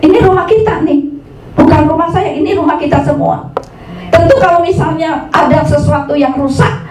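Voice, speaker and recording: High-voiced woman preaching in an echoey hall. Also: moderate pace, recorded from a distance, background noise. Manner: lively, mixes Jakarta slang with preaching, acts out quoted voices. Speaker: pastor. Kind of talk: sermon. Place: church hall.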